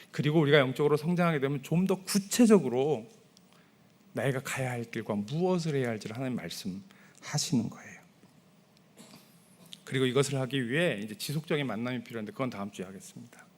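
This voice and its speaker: A male pastor giving a Sunday sermon in a church, talking to the congregation in a conversational way and softly acting out sample prayers. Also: medium pitch. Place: church sanctuary.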